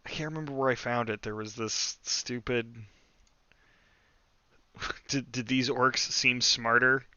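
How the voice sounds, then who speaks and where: Podcast guy, bright sharp voice, dry muffled mic, swears a lot. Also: mid-range voice, fairly even intonation, a little slow, smooth, no room sound. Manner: dry, profane joking. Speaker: podcast co-host. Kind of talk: casual chat.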